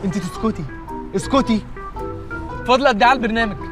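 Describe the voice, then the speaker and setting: A frazzled Egyptian husband. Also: male voice, very high voice, music in the background. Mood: panicked. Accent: Egyptian Arabic. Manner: rapid, flustered and exasperated. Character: frazzled young husband, anxious and quick to panic. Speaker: software engineer husband. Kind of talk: TV comedy series acting.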